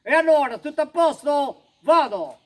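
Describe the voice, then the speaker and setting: A man's voice: very high voice, animated, moderate pace, a bit bright. A man doing a jolly boastful townsman. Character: cheerful boastful small-town man.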